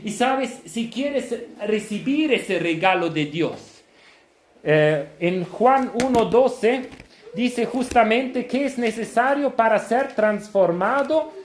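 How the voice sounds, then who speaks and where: A man preaching a sermon, emphatic and half shouting, often checking in with listeners. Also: very high voice, expressive, slow, a little hiss or hum. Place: church hall. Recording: echoey church room.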